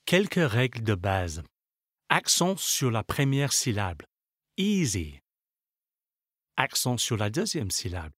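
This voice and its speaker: Male instructor voice for a language course, unhurried, word-by-word delivery, dry studio read. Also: mid-range voice, big pitch swings, fairly bright tone, dry recording. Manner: slow, measured, reads out example words one by one. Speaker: language lesson narrator. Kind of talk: scripted instructional narration.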